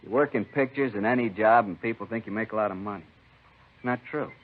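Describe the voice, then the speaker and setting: A quick-paced, lightly acted performance from a lowish-voiced man playing a tired, resentful American prop man who admits to robbery. His lines are brief, resigned and defensive, heard through the muffled sound of a vintage 1950s radio show.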